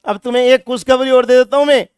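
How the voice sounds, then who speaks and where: High-voiced, scolding chemistry teacher. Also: male voice, fairly even intonation, fast talker, clear, resonant tone, no echo, studio quality. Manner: scolding, emphatic, repeats points. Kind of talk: classroom lecture. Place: classroom.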